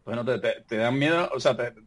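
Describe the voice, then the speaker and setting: A man in casual tech chat, relaxed and jokey, enthusing about a programming language. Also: medium pitch, brisk. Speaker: podcast co-host.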